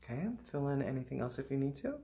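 A man's voice: medium pitch, fast talker, gravelly, mellow. A man teaching an online music lesson to children, playful and upbeat, singing rhythm syllables and sometimes whispering.

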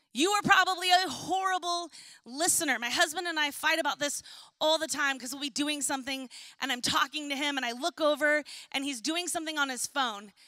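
A young woman preaches with a high, bright voice, loud and energetic, tossing in casual jokes between points. Her voice is recorded close and dry. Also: dry recording. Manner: energetic, loud and chatty with playful asides. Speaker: pastor. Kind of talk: sermon. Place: church auditorium.

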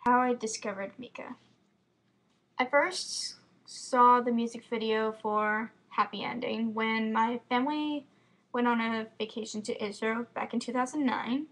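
A teenage girl from Florida, a fan vlogger with an American accent and slight lisp, rambles casually into her computer's built-in webcam mic at home. Her voice is a little high, and she talks quickly and chattily with lots of fillers. She's indoors in a room with bookshelves, and the recording quality is low.

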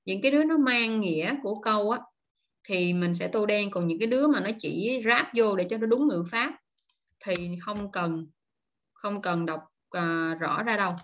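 A woman at a middle pitch runs an online pronunciation lesson. She stretches each model word out slowly, then rattles off friendly, quick explanations between them. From Vietnam. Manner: slow, drawn-out model words, then quick chatty explanations. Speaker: English pronunciation teacher.

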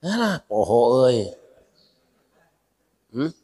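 A man preaching a mosque sermon as a kyai, telling stories lively and acting out the voices in them while joking with the congregation. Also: mid-range voice, extremely slow, breathy edge. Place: mosque hall. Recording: long reverb of a mosque hall.

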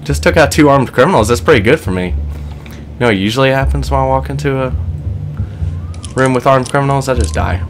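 A man's voice: medium pitch, expressive, brisk, long pauses, slight background noise. A young man commentating casually on his own gameplay, nervous and self-mocking. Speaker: let's play commentator. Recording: game music underneath. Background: game music and sound effects.

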